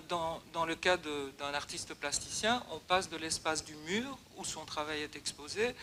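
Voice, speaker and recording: A woman's voice: on the low side, fairly bright tone, slight background noise. A woman from Belgium, giving a conference talk as guest speaker and often restarting her phrases.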